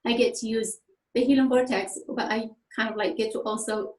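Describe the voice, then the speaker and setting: A woman from Tunisia whose first languages are French and Arabic, a therapist explaining her work in lively conversation, laughing often and using many fillers. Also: a little high, fairly quick. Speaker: therapist guest. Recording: echoey room.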